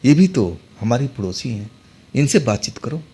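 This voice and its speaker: A man's voice: mid-range voice, very animated, normal speed, dark tone, husky. A man voicing a beautiful young female ghost who turns into a witch, speaking in a coaxing, sinister way.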